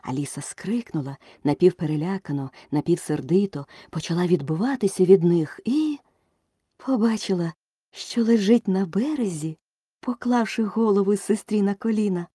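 A woman reading a children's story aloud in an expressive storytelling manner. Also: mid-range voice, breathy edge, no echo, studio quality.

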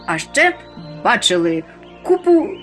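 A woman voicing a small, timid but excitable male storybook creature with an eager manner. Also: a little high, takes it slowly, soft background music, voice pushed up, exaggerated voice.

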